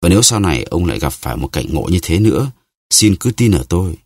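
A man's voice: deep voice, very animated, fast talker, a little mellow, no room sound, studio quality, exaggerated voice. A man voicing a jealous middle-aged lawyer's wife who pleads and reproaches in a raised voice. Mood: plaintive.

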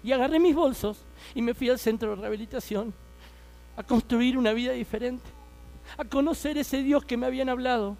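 A man's voice: very high voice, brisk, gravelly, darkish tone, soft background music. A man in his thirties with an Argentine accent, telling his life story as a fervent preaching testimony and speaking straight to his listeners. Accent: Argentine Spanish.

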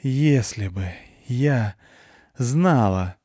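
A man's voice: mid-range voice, lively intonation, very slow, mellow, dry recording, clean studio sound, pitched above the performer's own voice. A man voicing a stubborn, curt young woman adventurer in an audiobook.

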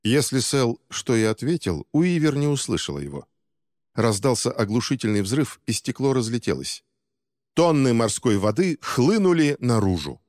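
A man narrating an action thriller audiobook in a steady, dramatic reading. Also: mid-range voice, normal speed, no echo, clean studio sound, long reverb tail. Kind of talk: scripted narration.

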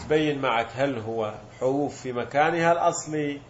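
A man's voice: mid-range voice, fairly quick, a little hiss or hum. A man teaching a grammar lesson, explaining step by step and asking questions he then answers himself. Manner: mixes colloquial Gulf Arabic with classical terms. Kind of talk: Arabic morphology lesson. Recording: dull lo-fi recording.

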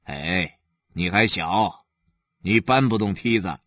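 A man voicing an easygoing working father in a story, relaxed and close to his own voice. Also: low-pitched, takes it slowly, dry recording, voice pushed down, exaggerated voice. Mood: calm.

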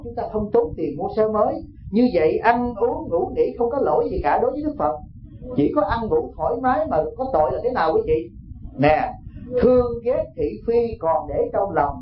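Man, Southern Vietnamese accent, Buddhist sermon, chatty and questioning, roomy echo, faint background noise. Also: sits high. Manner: folksy, keeps asking the audience questions. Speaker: Buddhist monk teacher. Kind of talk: dharma talk sermon. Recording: echoey, dull hall recording.

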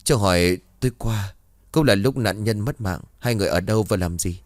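A man's voice: on the low side, fairly quick, no echo, studio quality, lightly acted. A man voicing a stern middle-aged village police officer who reports the facts in a formal, matter-of-fact way. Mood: grave, official.

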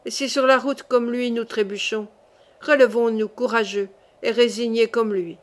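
A woman's voice: fairly high pitch, fairly even intonation, moderate pace, natural voice. A woman reading a dying young king. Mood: pleading.

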